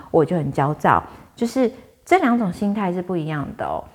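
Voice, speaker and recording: A woman's voice: low-pitched, darkish tone. A woman who works as a fortune teller and medium, telling viewers about a client's case in a chatty, conversational way full of fillers. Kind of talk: storytelling monologue to viewers.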